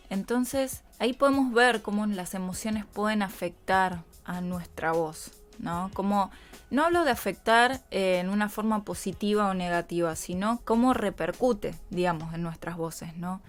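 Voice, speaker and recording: A woman with an Argentine accent, a voice coach hosting a reflective solo podcast, talking conversationally and often checking in with her listeners. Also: lowish voice. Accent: Argentine Spanish. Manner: conversational, frequent tag questions to listeners.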